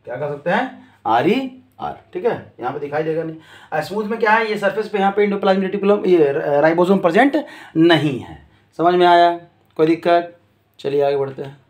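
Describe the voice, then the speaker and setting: Echoey, high-voiced man teaching a class. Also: moderate pace. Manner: asks questions and answers them himself, repeats key terms. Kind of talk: classroom lecture. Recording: echoey room.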